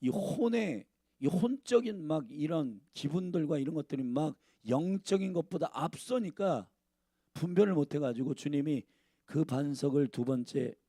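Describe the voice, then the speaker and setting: A man's voice: on the high side, gravelly, dark tone, no echo, clean studio sound. A male pastor preaching a sermon, speaking emphatically and addressing the congregation directly.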